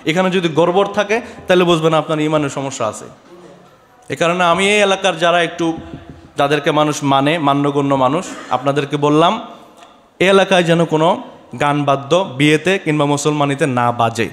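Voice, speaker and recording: A man's voice: a little high, moderate pace, a bit bright, long reverb tail. A man preaching a sermon on a microphone, exhorting his listeners and asking them rhetorical questions.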